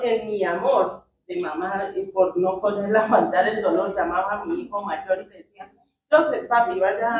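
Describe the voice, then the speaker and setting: Distant woman giving testimony. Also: medium pitch. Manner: storytelling, quotes family dialogue. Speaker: church member and mother. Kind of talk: personal testimony in discussion. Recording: distant, roomy, dull sound.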